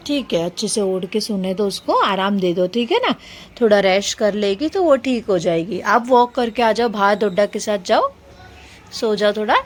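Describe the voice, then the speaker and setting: At home in an apartment building, a woman vlogger coaxes her small child with questions before turning to address her viewers in a casual home vlog. Her mid-range voice sounds animated, and she keeps a moderate pace.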